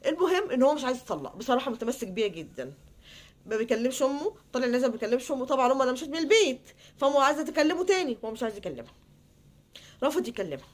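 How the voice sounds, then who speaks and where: A woman's voice: high voice, big pitch swings. A woman with an Egyptian accent telling a personal story casually, acting out the quoted back-and-forth between people. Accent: Egyptian Arabic. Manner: acts out quoted dialogue in quick back-and-forth.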